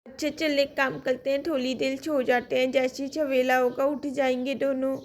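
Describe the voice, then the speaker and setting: A woman's voice: high voice, level tone, moderate pace, voice pushed down, natural voice. A woman voicing a sleepy young schoolboy in a village cartoon, coaxing his sister.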